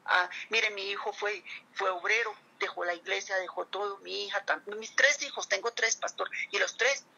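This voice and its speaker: A middle-aged woman, a church member, gives an earnest and emotional personal religious testimony to a pastor, turning back to him often. Her mid-range voice is bright and sharp-edged, with a husky rasp and gravelly fry at phrase ends. She speaks at a moderate pace, and the audio sounds dull.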